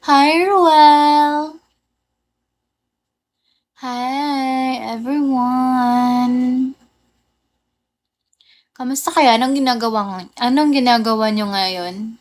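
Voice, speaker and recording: Slow-talking Filipina livestream host. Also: female voice, high voice. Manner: chatty, greets viewers by name, laughs often. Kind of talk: casual live chat with viewers.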